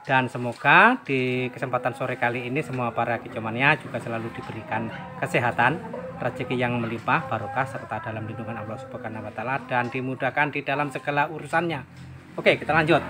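A man's voice: medium pitch, fairly even intonation, brisk. A man from Indonesia filming a casual sales vlog outdoors at a bird shop, talking chattily and repeating set phrases. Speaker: bird seller.

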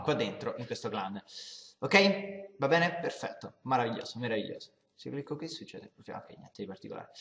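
Young male gaming host, mid-pitched, casual and repetitive, roomy echo on the recording. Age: young adult. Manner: rambling, repeats himself. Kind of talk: casual gaming commentary to viewers. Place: indoor room in front of a backdrop. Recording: echoey reverberant room.

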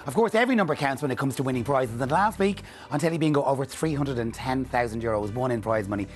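A man's voice: medium pitch, lively intonation, quick pace. A man in his forties working as a bingo caller on a TV game show, calling numbers in a rhythmic, repeating presenter's delivery. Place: indoor TV studio. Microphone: lapel mic. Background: music.

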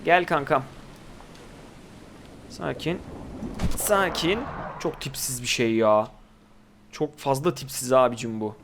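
A man's voice: medium pitch, slow, pauses often, fairly bright tone, a little hiss or hum. A man hosting casual gameplay commentary, chatting to his viewers and teasing the creatures in the game. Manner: chatty, talks to viewers and to the game creatures, swears when startled. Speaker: gaming video host.

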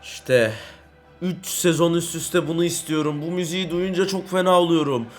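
A young man giving excitable Let's Play commentary, yelling and cursing at his teammates. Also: fairly high pitch, a little fast, soft background music. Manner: excitable, yells and curses at teammates. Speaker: gaming YouTuber.

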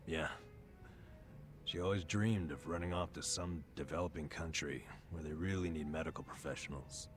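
Game drama role: burned-out middle-aged man, self-loathing, extremely low voice. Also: normal speed, music in the background. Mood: resigned, explaining. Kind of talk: English video game drama acting.

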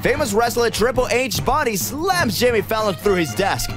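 A man's voice: sits high, big pitch swings, normal speed. A man reading upbeat scripted narration for a video of clips. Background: clear music.

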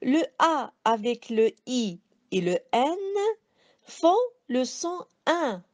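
A woman teaching a remote spelling lesson to young pupils, spelling out words slowly syllable by syllable and letter by letter, addressing them gently. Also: fairly high pitch, very animated, dry recording. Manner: slow, careful syllable-by-syllable spelling aloud. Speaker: primary school teacher. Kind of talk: distance-learning spelling lesson.

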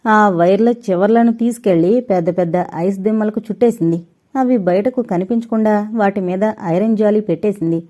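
Dark-toned woman narrating a story. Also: mid-range voice. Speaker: audio novel narrator.

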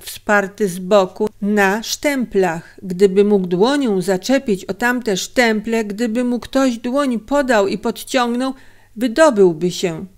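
A woman reads a story aloud at an unhurried pace, shaping each sentence dramatically. Her pitch sits in a middle range, and she takes her time between phrases. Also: darkish tone. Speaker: audiobook narrator. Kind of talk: scripted narration.

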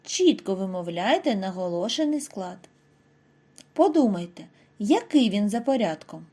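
A woman giving a scripted reading lesson to first graders, speaking clearly and stretching out example words slowly for the children. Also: medium pitch, big pitch swings, dark tone. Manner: slow, over-articulated model words for children. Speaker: primary school teacher.

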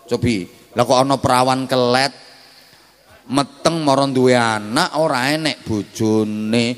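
A man's voice: medium pitch, fairly even intonation, measured pace. A male preacher with a Javanese accent giving a humorous sermon, teasing and quizzing his audience as he talks. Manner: jokey, mixes Javanese and Indonesian, quizzes the audience. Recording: hall reverb.

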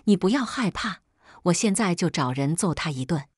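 A woman's voice: fairly low pitch, lively intonation, normal speed, slightly rough, no room sound, studio quality. A woman voicing the narrator's loyal, fiery best friend in a spoken story. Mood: indignant. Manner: protective, fiery.

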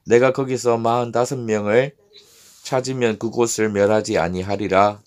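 A man voicing God as a solemn, authoritative male deity who speaks in grave, measured pronouncements, in a scripture reading. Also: on the low side, fairly even intonation, a little mellow, close to an everyday voice.

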